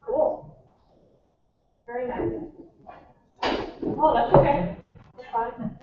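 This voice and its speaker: A young Minnesotan American woman talks in a lively, storytelling way, slipping into quoted voices. Her fairly high voice comes from far off in a big echoing hall, thin and tinny like a phone line, with a faint hiss behind it. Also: extremely slow. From Minnesota, United States. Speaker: native English conversation partner. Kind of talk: chatty, storytelling, animated. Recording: distant, tinny, echoey hall with faint noise.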